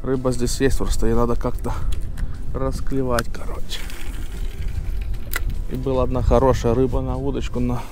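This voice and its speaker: A man narrating his fishing trip to viewers from a kayak on the open ocean. He chats casually and often drops to a low, quiet voice while he works. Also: little pitch movement, normal speed, pauses often. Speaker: fishing vlogger. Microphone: action camera on the kayak. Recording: clear outdoor noise of wind and water.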